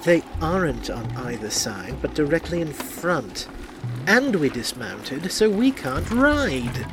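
A prim British gentleman scholar of audio drama played by a man. He is formal and pedantic, with a lively rise and fall in pitch over music. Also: slow. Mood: dry composure.

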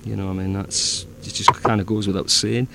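A man's voice: fairly low pitch, flat delivery, fairly quick, vocal fry, background noise. A man with a Northern English accent chatting casually, rambling with lots of fillers and restarts. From north of England. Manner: rambling, many fillers and restarts, easy laughter. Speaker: fan audio drama producer. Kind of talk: casual chat.

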